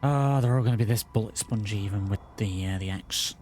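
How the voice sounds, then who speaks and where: A man's voice: fairly low pitch, fairly quick, darkish tone. A man giving casual, off-the-cuff commentary while he plays a video game. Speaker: gaming video host. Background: faint game music.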